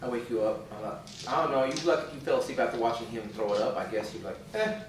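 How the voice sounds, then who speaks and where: A man's voice: mid-range voice, fast, background noise. A man playing a tabletop game, talking in a playful way and laughing often. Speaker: player. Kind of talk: tabletop role-play chat. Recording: echoey room from far off.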